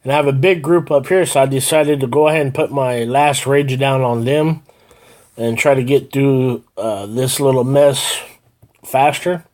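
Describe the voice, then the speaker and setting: A middle-aged man giving casual gameplay commentary, explaining his moves step by step with a rambling, halting delivery full of "uh"s. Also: medium pitch, steady tone, darkish tone. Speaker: gaming channel host.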